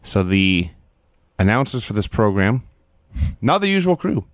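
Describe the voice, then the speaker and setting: A man hosting a casual podcast, recapping old wrestling shows as an animated, self-mocking storyteller. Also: lowish voice, unhurried, no echo, studio quality. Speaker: podcast host.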